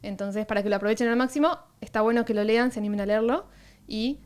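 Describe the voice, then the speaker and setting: A woman's voice: on the high side, fast, clear, resonant tone. A woman co-hosting a podcast, explaining things in a casual, conversational style. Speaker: podcast co-host.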